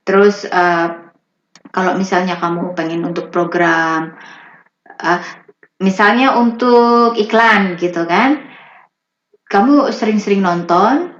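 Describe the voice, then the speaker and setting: A woman working as a voice-over artist, chatting casually in an interview and explaining with lively rises in her voice. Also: mid-range voice, takes it slowly, long pauses. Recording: roomy, slightly dull recording.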